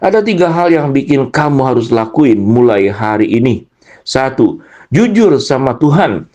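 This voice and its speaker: A man giving an earnest, gently encouraging devotional talk to children, speaking with emphasis. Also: medium pitch, very animated, moderate pace. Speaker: youth preacher.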